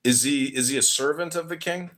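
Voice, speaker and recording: Speaking a little fast in a fairly high, slightly bright voice, this American podcast host plays dumb with provocative questions. He's sarcastic and swears as he goes.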